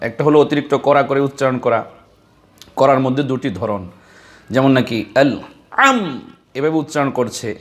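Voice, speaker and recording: A man's voice: mid-range voice, steady tone. A man teaching how to pronounce a letter in Quran recitation, explaining step by step and repeating syllables for practice. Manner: slow, deliberate, drawing out sounds and repeating syllables. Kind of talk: slow, patient tajweed lesson.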